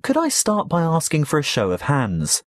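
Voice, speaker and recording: A man playing a health lecturer, giving a scripted academic lecture with measured, explanatory delivery. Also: on the high side, wildly swooping pitch, no echo, studio quality. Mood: formal, instructive. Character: male health lecturer addressing young students.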